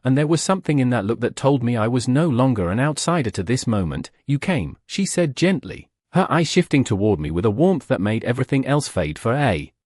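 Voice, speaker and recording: Husky man narrating a story. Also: mid-range voice, animated, brisk, few pauses, a little mellow, no echo, studio quality. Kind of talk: first-person scripted narration.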